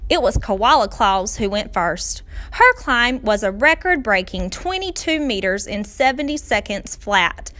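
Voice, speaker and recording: Like a teacher at story time, a woman reads a children's book aloud at a medium pitch, giving it dramatic, deliberate and expressive phrasing for a young audience.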